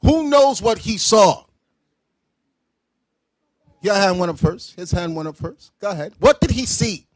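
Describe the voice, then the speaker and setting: Shouting high-voiced male preacher. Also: lively intonation, measured pace, pauses often, no room sound. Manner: loud, confrontational, bursts into shouting; explains verses in everyday slang. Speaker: teacher leading a scripture class. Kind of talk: street-style preaching commentary.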